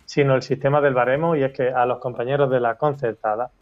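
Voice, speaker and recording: A man guest in a casual interview, telling a story with lively quoted dialogue and laughter. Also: medium pitch, quick pace, dull audio.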